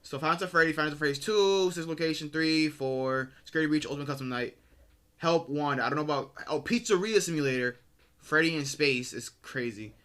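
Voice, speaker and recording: A man's voice: on the high side, quick pace, bright, forceful tone, smooth. A man casually reacting to a video, rambling, correcting himself and talking to his viewers in slang.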